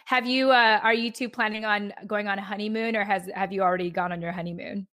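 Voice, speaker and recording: A woman's voice: medium pitch, fairly even intonation, quick pace, a bit bright, dry recording, clean studio sound. Upbeat chatty woman podcast host. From United States. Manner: upbeat, chatty, lots of restarts and "like". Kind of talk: casual interview chat.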